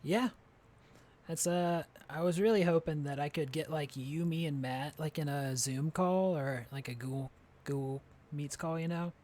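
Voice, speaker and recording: A man's voice: a little high, moderate pace, darkish tone. A man streaming, chatting casually with a friend, rambling with lots of filler words and frequent laughter. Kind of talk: casual chat. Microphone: streaming setup.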